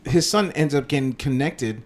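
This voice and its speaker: A man's voice: mid-range voice, normal speed. A young man co-hosting a casual podcast, rambling about a film with lots of swearing and restarts. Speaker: podcast co-host. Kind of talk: casual film chat among friends.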